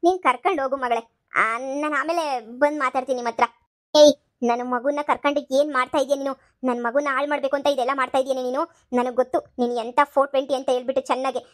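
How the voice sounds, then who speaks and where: A woman voicing a scheming, sharp-tongued middle-aged mother-in-law who scolds and taunts. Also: high-pitched, close to an everyday voice. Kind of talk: cartoon comedy voice acting.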